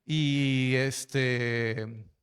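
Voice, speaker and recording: Guy lecturing on language, clear smooth voice, lots of fillers and "right?". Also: mid-range voice, steady tone, very slow. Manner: explanatory, with frequent fillers and tag questions. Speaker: linguist and researcher giving a talk. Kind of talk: public lecture with slides.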